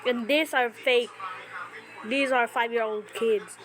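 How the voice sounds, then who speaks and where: A woman with a rather high, steady voice speaks slowly, offering casual, mocking reaction commentary in a scornful, slangy way and repeating phrases for emphasis. She's a YouTuber making a reaction video, and loud music plays behind her.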